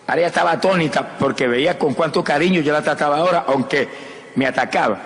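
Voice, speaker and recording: Fervent preacher man in reverberant hall. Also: fairly high pitch. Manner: fervent, bursts into shouted praise. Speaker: evangelist preacher. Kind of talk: sermon with personal testimony.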